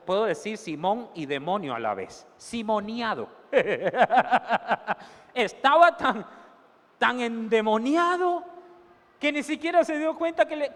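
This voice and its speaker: A male pastor preaching a sermon, animated, acting out the scene and laughing at his own jokes. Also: extremely high pitch. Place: church. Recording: long church hall reverb.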